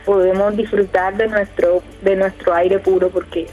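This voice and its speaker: Speaking at a moderate pace with little pitch movement, this mid-range woman's voice belongs to a youth council leader in her 20s from Córdoba, Colombia. As a radio guest she replies casually and hesitantly, with many fillers and restarts. Faint music sits behind the muffled radio sound.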